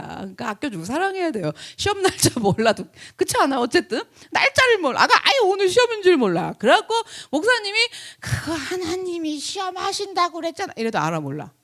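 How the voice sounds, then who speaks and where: Lively high-voiced woman pastor preaching. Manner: animated, asks the congregation questions, acts out quotes, laughs often. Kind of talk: lively sermon.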